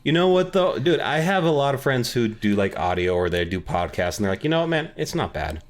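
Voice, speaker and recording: In his casual, conversational podcast, a male host is brisk and sing-song in a medium-pitched voice, often self-deprecating. The sound comes from an untreated home office with no soundproofing, so it echoes, and background music plays underneath.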